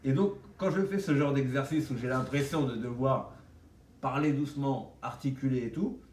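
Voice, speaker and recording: A man's voice: mid-range voice, moderate pace, darkish tone, a little hiss or hum. A man talks in a casual, blunt vlog monologue, wandering through slangy asides. He has a slight lisp that whistles on the S sounds. The sound is roomy and echoey, picked up some way from the microphone. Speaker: vlogger. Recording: roomy echo, distant microphone.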